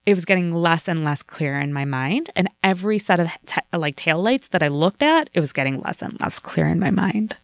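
A woman in casual podcast chat, telling a story in an animated way and acting out the lines of the people in it. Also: on the low side, fairly quick, gravelly, few pauses, no echo, studio quality. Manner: animated storytelling with voiced quotes.

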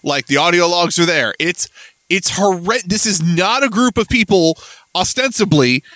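A man's voice: high-pitched, lively intonation, moderate pace, pushed and bright, dry recording. A man co-hosting a podcast, talking politics in an emphatic, sarcastic way. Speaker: podcast co-host. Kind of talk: casual political chat.

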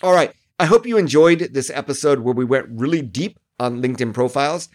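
A man's voice: medium pitch, lively intonation, fairly quick. A middle-aged man hosting a solo podcast as a marketing coach, talking directly to listeners from his home office in a friendly coaching tone, his voice a little worn. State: slightly losing his voice.

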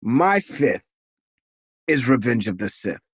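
A man's voice: mid-range voice, sing-song, slow, slightly rough, dry recording. Man chatting casually, close and dry. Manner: acts out imagined thoughts and questions. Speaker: podcast host. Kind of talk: casual opinionated chat.

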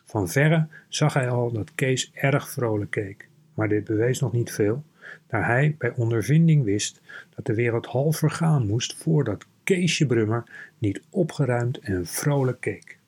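A man reads a children's novel aloud in a steady, measured way. His voice is husky and a little breathy, and it sits at an ordinary pitch for a man. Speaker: audiobook reader.

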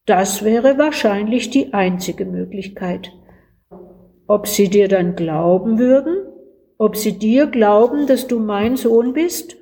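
Brief: a woman voicing a calm old lord, low, soft and slow, mellow storybook tone. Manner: measured, gently urging. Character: calm, worldly-wise old male lord. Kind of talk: storybook reading.

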